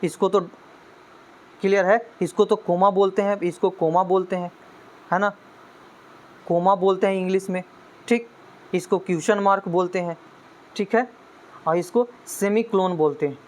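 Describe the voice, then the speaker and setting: A man's voice: sits high, steady tone, normal speed, long pauses. A man teaching an exam-prep lesson, constantly checking in with "है ना" and urging students to study hard. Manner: constant "है ना" tag questions, coaxing students.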